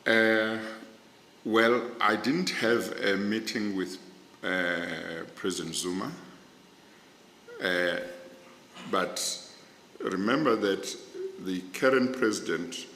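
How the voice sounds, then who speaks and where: A South African man, a judge, answering formal interview questions in a measured, hesitant way with many fillers. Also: fairly low pitch, sharp tone, roomy sound, big-room sound, slight background noise.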